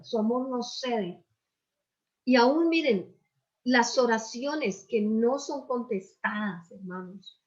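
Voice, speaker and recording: An older woman pastor speaking in a slightly high voice, weaving personal stories into her sermon. She keeps asking her listeners questions. The sound is muffled and lo-fi. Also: a little mellow. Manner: earnest, personal storytelling with rhetorical questions. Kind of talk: sermon dialogue.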